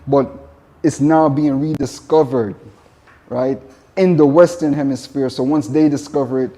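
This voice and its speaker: Man, Jamaican accent, vegan chef, casual presentation, earnest, repeats himself, mellow dark voice. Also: mid-range voice, steady tone, measured pace. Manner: earnest, repetitive phrasing with spiritual asides.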